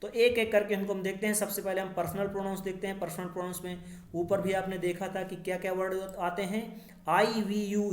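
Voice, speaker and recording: A teacher explaining English grammar in Hindi, reading each English example slowly, then translating it and asking rhetorical questions. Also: medium pitch. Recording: echoey room.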